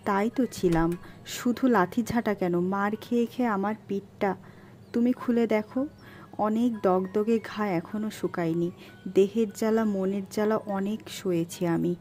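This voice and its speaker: A woman's voice: mid-range voice, steady tone, a little slow, a little mellow, natural voice. A woman voicing a young wife cast out of her home in an audiobook, speaking in a heavy, tearful, pleading voice. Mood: sobbing. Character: young wife driven from home, grieving, desperate. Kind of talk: audiobook character voice.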